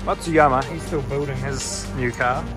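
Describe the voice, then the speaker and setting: Holding his phone at arm's length, a vlog host who races cars gives casual, excited, slangy narration while on the move outdoors, in a vehicle and inside a big exhibition hall. He speaks at a moderate pace with medium pitch and fairly even intonation over background music.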